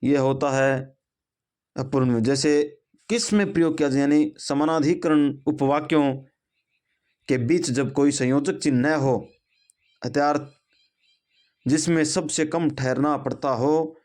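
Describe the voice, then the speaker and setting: A man's voice: a little high, measured pace, pauses often, darkish tone. A man teaching a Hindi grammar lesson, explaining step by step with example sentences. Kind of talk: classroom lesson.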